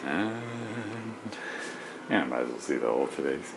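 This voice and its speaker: A man's voice: low-pitched, big pitch swings, a little slow, heavy background noise. A man chatting to himself in his home kitchen, rambling and absent-minded as he cooks and tidies up. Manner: absent-minded, talks to himself while working. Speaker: home cooking vlogger. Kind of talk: rambling casual cooking commentary.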